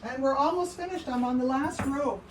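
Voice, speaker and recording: A potter with a Canadian accent chats her way through a casual livestream show-and-tell, her voice sitting high and moving a little fast. She rambles and often breaks off mid-sentence, and the recording carries noticeable background noise.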